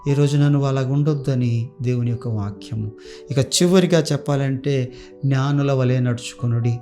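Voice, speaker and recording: A man's voice: mid-range voice, moderate pace. A male pastor preaching earnestly, telling a story and leading a prayer. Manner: earnest, repetitive exhortation, storytelling. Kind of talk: sermon and prayer. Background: soft guitar music.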